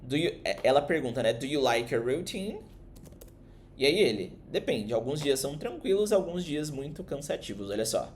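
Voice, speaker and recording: A Brazilian man teaches English in a casual online lesson, and his pitch swings up and down freely as he talks. He breaks down phrases and says each word slowly and clearly. Faint background noise sits under his voice. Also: very animated. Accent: Brazilian Portuguese. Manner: explains slowly, drills English phrases with exaggerated pronunciation.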